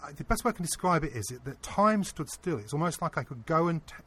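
A man being interviewed, earnestly telling a personal anecdote in a casual, animated way. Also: on the high side, quick pace, husky. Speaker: interview guest. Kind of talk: casual storytelling.

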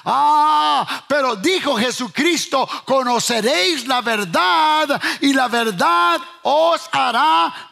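A man preaching a sermon, emphatic, repeating his points and asking the listeners if they hear him, sometimes shouting and half-singing phrases. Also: extremely high pitch, vocal fry.

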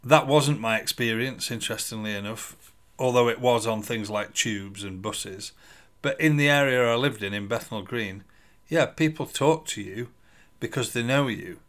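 A man's voice: medium pitch, moderate pace, a bit bright. A middle-aged man from Sheffield, chatting casually as a podcast co-host. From Sheffield, England. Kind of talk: casual conversation.

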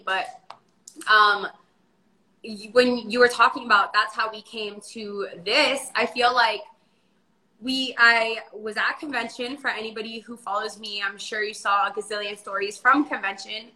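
A woman's voice: a little high, pushed and bright, low-quality recording. A young woman co-hosting a casual live chat, chatty as she reads out viewer comments. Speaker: podcast co-host.

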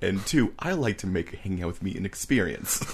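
Man, very low voice with lots of swing, playful comic co-host, faint background noise. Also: lively intonation, brisk. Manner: playful, laughs often, jumps into goofy bits. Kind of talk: casual comedic chat.

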